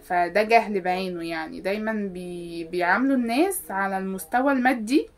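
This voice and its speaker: A woman's voice: mid-range voice, fast talker. A woman with an Egyptian accent delivering a sarcastic, scolding comic monologue. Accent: Egyptian Arabic. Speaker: comedy sketch creator. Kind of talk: comedic monologue to camera.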